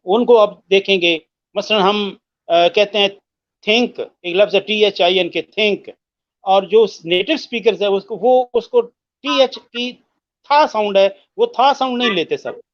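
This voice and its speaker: A man teaching English listening skills in an explanatory discussion, speaking slowly with many hesitations, mixing in English phrases and repeating words to show their stress. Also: sits high, no echo, muffled recording.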